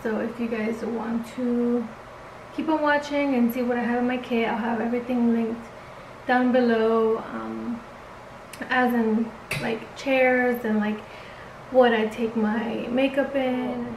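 A woman's voice: a little high, little pitch movement, measured pace, a little hiss or hum, rough recording. A woman freelance makeup artist chatting casually in a vlog, full of "um" and "like". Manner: chatty, many fillers like "um" and "like".

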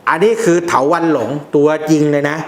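An amulet teacher explains amulet lore casually and bluntly, cracking jokes and using coarse slang. His voice is a little high for a man, quick, and fairly even in intonation, and the room sounds noticeably echoey.

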